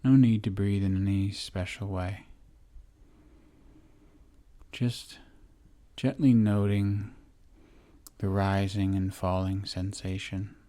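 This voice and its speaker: This is a body-scan meditation led by a man whose voice is deep, mellow and soft-edged, and his tone stays level throughout. His short phrases come very slowly and gently, with long, calming pauses between instructions.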